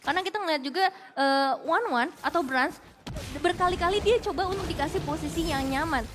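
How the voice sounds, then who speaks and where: A woman's voice: very high-pitched, fairly quick, a bit bright, faint music behind. A woman with an Indonesian accent giving analytical esports commentary as a caster. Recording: clear background noise and ambience.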